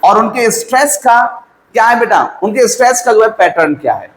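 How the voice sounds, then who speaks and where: A man's voice: high voice, animated, brisk, a bit bright, reverberant, a little hiss or hum, rough recording. A male teacher giving a lesson, quizzing students and answering his own questions, mixing Hindi with English terms. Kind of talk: classroom lecture.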